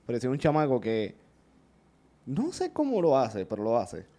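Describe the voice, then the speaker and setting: A man, co-hosting a podcast and telling stories in a casual, animated chat full of swearing. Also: mid-range voice, moderate pace. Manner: animated storytelling, swears often. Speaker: podcast co-host.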